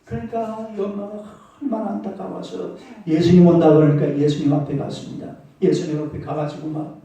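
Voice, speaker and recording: A man's voice: sits high, a little fast. A man preaching a sermon as pastor, telling stories vividly and calling out to the congregation. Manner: animated storytelling, calls out for congregation replies. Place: church sanctuary. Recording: echoey church hall from a distance.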